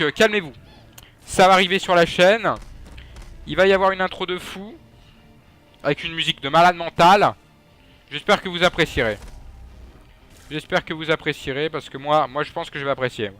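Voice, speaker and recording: A man's voice: on the high side, pushed and bright. A young man giving casual, joking gameplay commentary, trash-talking enemies and swearing. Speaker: gaming YouTuber.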